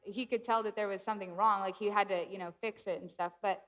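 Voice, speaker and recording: A woman giving a sermon in a church, telling a personal story in an animated, self-deprecating way. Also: medium pitch, fast talker, in a large hall. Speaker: guest speaker. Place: church sanctuary.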